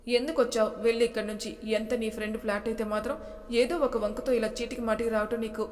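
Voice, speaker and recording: A hurt young woman throws back sharp, defiant replies in a fairly flat voice, as a woman reads her part. A long reverb trails each line of this storybook reading. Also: fairly high pitch, fast talker, close to an everyday voice.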